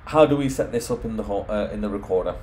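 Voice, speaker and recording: A man talks fast in a fairly low, darkish voice while presenting a casual home automation tutorial. He walks through the software on screen and explains it step by step.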